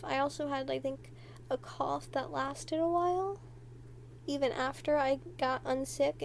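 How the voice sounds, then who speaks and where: A woman's voice: high voice, vocal fry, slight background noise. A teenage girl vlogger chatting casually and rambling, with plenty of fillers. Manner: rambling, talking freely with frequent fillers; quiet and hushed near the end, trying not to be overheard. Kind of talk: casual chat.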